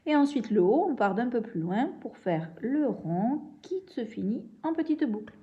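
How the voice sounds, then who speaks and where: A woman's voice: fairly high pitch, animated, normal speed, muffled recording. A young woman teaching a reading and handwriting lesson, patiently walking through sounds step by step. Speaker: primary school teacher.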